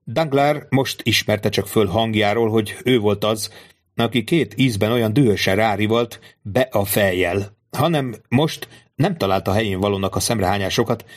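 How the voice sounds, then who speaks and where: A male narrator reads a classic novel aloud in steady, measured storytelling. His voice sits somewhat low. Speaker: audiobook narrator. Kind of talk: scripted literary narration.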